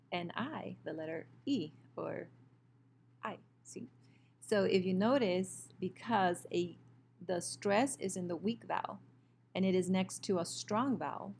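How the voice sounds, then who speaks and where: A woman with a low, gravelly voice walks through a recorded grammar lesson over a screen share. She explains patiently, often pausing on fillers and correcting herself. A faint hum sits under the computer-mic recording. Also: a little mellow. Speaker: Spanish teacher.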